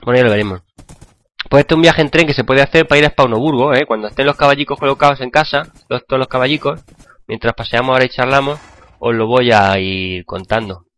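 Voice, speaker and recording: A man with a Spain Spanish accent, hoarse from a cold, chatting and joking with viewers while playing a game. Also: mid-range voice, fast, fairly bright tone. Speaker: gaming channel host. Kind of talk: gameplay commentary.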